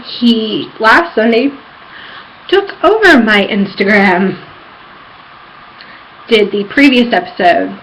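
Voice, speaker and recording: This vlogger's voice sits on the high side and has a slightly bright quality as she gushes like a giddy fangirl. She rambles casually through a personal vlog filmed in her apartment room. Background noise runs under the dull, lo-fi home audio.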